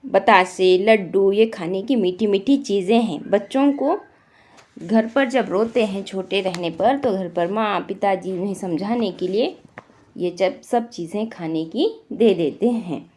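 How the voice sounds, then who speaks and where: A woman's voice: mid-range voice, measured pace, darkish tone. A woman teacher reading a textbook story aloud and explaining its words in simple terms.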